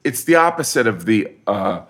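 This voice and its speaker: A man from Indiana with a Midwestern accent, a comedian chatting casually as a guest and telling animated stories. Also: on the low side, moderate pace. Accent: Midwestern American. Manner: animated storyteller, shifting into voices for quotes. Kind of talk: casual conversation.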